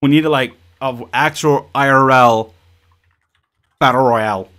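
A man giving live gameplay commentary, ranting in an exasperated, profane way that swings between shouting and low muttering. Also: measured pace. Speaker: gaming channel host.

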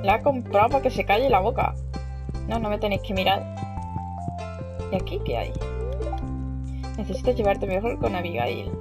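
A young woman with a Spain Spanish accent gives casual let's-play commentary, chatty and quick to swear as she reacts aloud to the game. Her voice sits mid-pitch. Game music plays clearly behind her. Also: animated. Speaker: gaming channel host.

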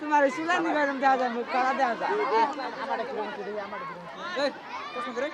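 A man's voice: very high-pitched, fairly quick. A man chatting casually with people around him outdoors. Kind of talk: casual banter. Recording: distant echoey outdoor sound, crowd noise.

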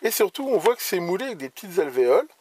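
A man's voice: high-pitched, big pitch swings, very fast, darkish tone, breathy edge. A man casually presenting electronics gear he bought, hesitant, with many restarts and fillers. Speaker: electronics hobbyist presenting purchases. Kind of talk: casual show-and-tell.

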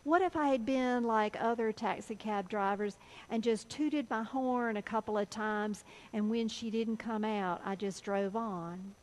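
A woman's voice: fairly high pitch, a little slow, lightly acted, low-quality recording. A woman preacher voicing a kind, humble male taxi driver with a plain, reassuring manner. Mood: regretful.

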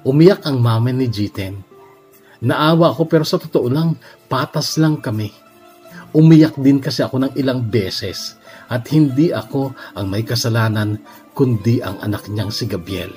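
A man reading a listener's letter aloud as a first-person story, steady and measured with emotional lifts. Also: mid-range voice. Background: soft background music.

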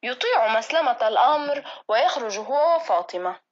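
A woman reading the narration of a school play in a plain, steady way. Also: on the high side, normal speed, lo-fi sound.

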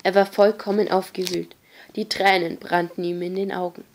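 A woman narrating an audiobook in a plain, even storytelling manner. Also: fairly low pitch, moderate pace, vocal fry. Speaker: audiobook reader.

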